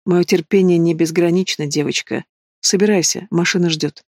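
A man voicing a domineering, possessive mobster in an audiobook, speaking low and mocking. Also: fairly even intonation, moderate pace, a little mellow, dry recording, clean studio sound, close to an everyday voice. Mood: menacing.

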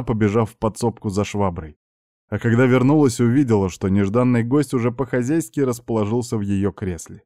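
A man narrating an audiobook in an even, measured storytelling way, close to the mic. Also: lowish voice, no echo.

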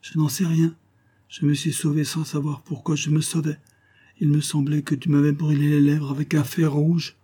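A man voicing a shy, tender young girl in love in a storybook reading, speaking softly and breathlessly. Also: a little high, flat delivery, moderate pace, husky, pitched above the performer's own voice.

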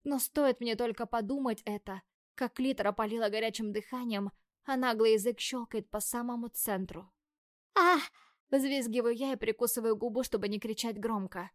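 A woman narrating a first-person audiobook in a lively, expressive reading, dropping now and then to breathy whispers. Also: fairly high pitch, moderate pace, no room sound, studio quality.

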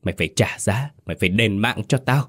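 The vengeful ghost of a murdered woman accuses her killer, fast and hard, as a man puts her on. Her words come in a rapid, bitter stream. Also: fairly low pitch, fairly bright tone, breathy edge. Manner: accusing, echoing.

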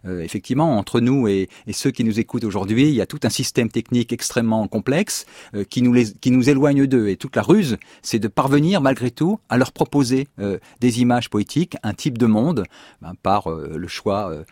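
A man speaking as a philosopher guest on a radio show, halting and restarting while he searches for words. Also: mid-range voice, lively intonation, warm tone, no room sound, studio quality. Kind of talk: radio discussion.

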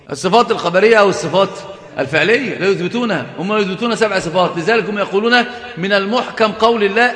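A high-voiced man teaches a classical religious text at a brisk pace. He is emphatic and keeps asking his listeners rhetorical questions. The sound is roomy, with a long hall reverb. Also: a bit bright. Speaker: Islamic scholar teaching a text. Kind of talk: religious lecture. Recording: echoey hall.

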